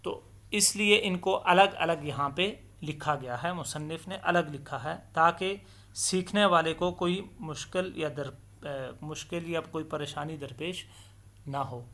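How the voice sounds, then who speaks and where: Male recitation teacher, slightly high voice, patient explainer who stretches out letter sounds in long, loud demos. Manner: draws out each letter sound slowly and loudly in demonstration; patient explanatory tone, mixes in English terms. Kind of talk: step-by-step letter pronunciation lesson.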